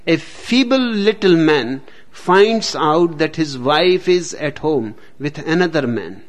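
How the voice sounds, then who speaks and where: A man giving a spiritual discourse, speaking slowly with long pauses and telling jokes along the way. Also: a little high, animated. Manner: slow, deliberate, dramatic pauses, tells jokes. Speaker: spiritual teacher.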